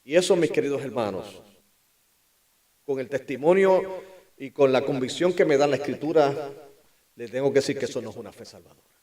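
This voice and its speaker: A middle-aged pastor preaching a sermon with passion, moving between loud declarations and quiet, hushed lines. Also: male voice, mid-range voice, expressive, a little fast, long pauses.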